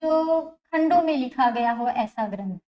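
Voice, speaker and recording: A woman's voice: high voice, expressive, a little slow. Woman teacher going over her lesson, asks herself questions then answers, kinda muffled lo-fi sound. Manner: explanatory, repeats key terms, asks and answers own questions. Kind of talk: exam prep lecture. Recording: dull lo-fi sound.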